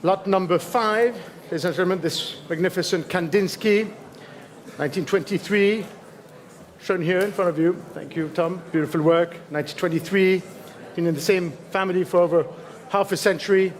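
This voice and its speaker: A man with a slightly high voice conducts a live fine art auction. He is formal and courteous as he calls bids, repeating each figure in measured, deliberate phrases. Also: fairly even intonation.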